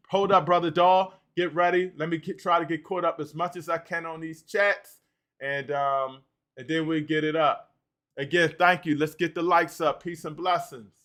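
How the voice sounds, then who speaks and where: Male stream host, bright and fairly high voice, works through the chat out loud. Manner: animated, reads out and answers chat comments. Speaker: livestream host. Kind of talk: livestream talk reading chat comments.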